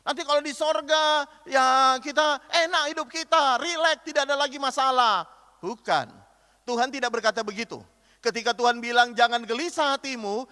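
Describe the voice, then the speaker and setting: High-voiced pastor man, lively sermon, big echoey church hall. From Indonesia. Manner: lively, animated preaching with acted-out quotes and call-and-response questions.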